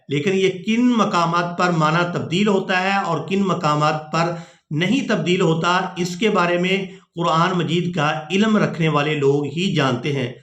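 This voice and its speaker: A man teaching Quran pronunciation in a lesson, explaining the rules and then chanting the verses slowly. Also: high-pitched, fairly bright tone, roomy sound. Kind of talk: tajweed lesson with chanted recitation.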